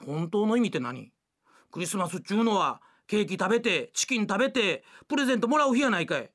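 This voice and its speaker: A woman's voice: mid-range voice, sing-song, pitched below the performer's own voice. A woman doing a blustering Kansai husband. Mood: stubborn. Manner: blunt, boisterous, quick to shout. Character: bumbling loud middle-aged Osaka husband. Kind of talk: rakugo storytelling.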